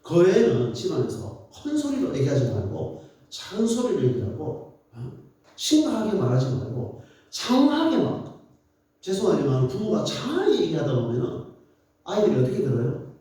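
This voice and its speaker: A man preaching a sermon as pastor, telling playful stories in an animated way. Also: a little high, normal speed. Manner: animated, playful storytelling with laughs. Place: church. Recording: echoey church hall, mic at a distance.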